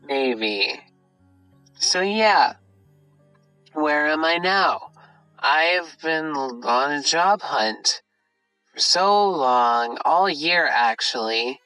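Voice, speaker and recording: Slow, bright-voiced late-night confider, tired and rambling. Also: medium pitch, dry recording, poor audio. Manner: confiding troubles, self-deprecating; casual, frequent swearing. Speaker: podcaster recording an audio journal. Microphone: phone.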